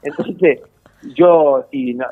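An Argentine comedian telling a story on a radio show, acting out the lines of the people in it. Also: male voice, a little high, extremely slow, gravelly. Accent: Argentine Spanish. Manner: animated storyteller acting out dialogue. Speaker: comedian guest. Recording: tinny phone line.

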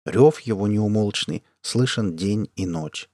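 A man reading a science fiction story aloud as an audiobook narrator, in an even, measured way. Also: lowish voice, no room sound, studio quality. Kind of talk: scripted narration.

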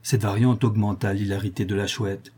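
A male narrator reads a classic novel in a steady, measured way. His voice is mellow and dark, with a husky grain. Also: on the low side. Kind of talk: audiobook narration.

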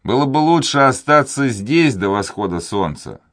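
A man voicing an excitable buccaneer who shouts eagerly. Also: medium pitch, normal speed, pitched above the performer's own voice, close to an everyday voice. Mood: excited.

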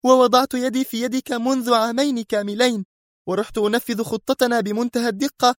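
A man voicing a furious woman who leads a criminal organization, shouting in outrage. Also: extremely high pitch, dry recording, studio quality, voice pushed up.

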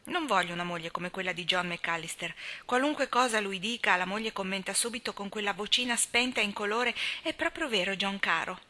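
A woman voicing a sentimental, lively young wife who talks expressively. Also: medium pitch, fairly quick, hardly any pauses.

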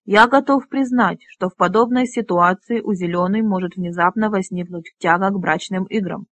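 Reader voicing a calm, restrained rider leader. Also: mid-range voice, normal speed, no room sound. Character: calm, controlled young male dragonrider leader.

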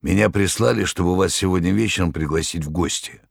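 A man's voice: low voice, a little fast, creaky, no room sound, studio quality, exaggerated voice. A man reading an audiobook, voicing a sly, rude, mysterious stranger with a mocking, brusque manner.

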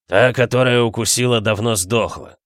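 A man voicing a rude, bad-tempered husband who talks gruffly and barks his words. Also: medium pitch, moderate pace, no echo, studio quality, close to an everyday voice. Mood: rude, angry. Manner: gruff, barking.

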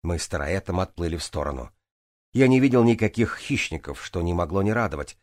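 Deep-voiced male audiobook narrator. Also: animated, brisk, no room sound, studio quality. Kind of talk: first-person audiobook narration.

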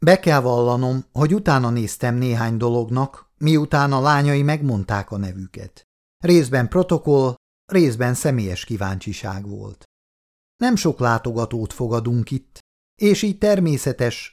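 A man's voice: mid-range voice, animated, darkish tone, close to an everyday voice. A male audiobook reader voicing a curious, earnest young woman official who asks questions directly and with polite insistence. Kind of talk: audiobook character voice.

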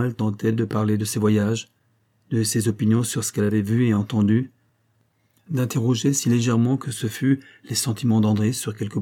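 Guy narrating an old novel, deep-ish dark mellow voice, calm even pace. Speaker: audiobook narrator. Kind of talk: scripted narration.

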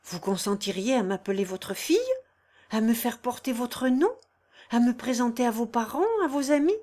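A woman's voice: fairly high pitch, moderate pace, warm tone, close to an everyday voice. A woman reading a proud young opera singer. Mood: astonished.

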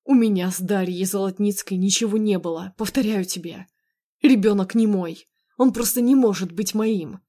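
Audiobook: woman reads a hot-tempered possessive young man, loud and insistent, medium pitch. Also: normal speed, natural voice. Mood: angry pleading. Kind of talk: audiobook dialogue reading.

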